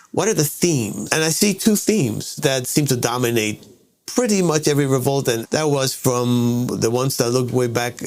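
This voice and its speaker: A man's voice: medium pitch, a little mellow. A man being interviewed as a guest author, explaining his ideas at length and often repeating himself and checking in with "all right?". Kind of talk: conversational interview answers.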